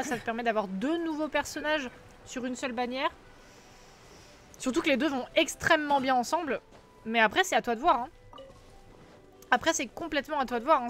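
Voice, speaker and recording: A woman's voice: fairly high pitch, a bit bright, a little hiss or hum. A woman streaming live, chatting casually and playfully with her viewers, teasing and humming between lines. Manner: playful, teasing, chatty, hums and sings syllables. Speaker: Twitch streamer.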